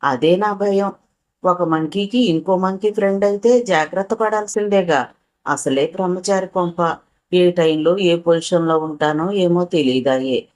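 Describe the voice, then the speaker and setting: A woman's voice: lowish voice, unhurried, darkish tone, lightly acted. A woman voicing a young man who works as a driver, evasive and teasing in a dry way.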